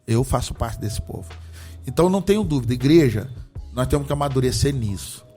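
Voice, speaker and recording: A man's voice: medium pitch, lively intonation, fairly quick, warm tone, faint music behind. A man from Brazil, an apostle guest, talking about faith in a fervent, preaching way and firing off rhetorical questions. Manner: fervent, emphatic, often asks rhetorical questions. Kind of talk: religious conversation with preaching.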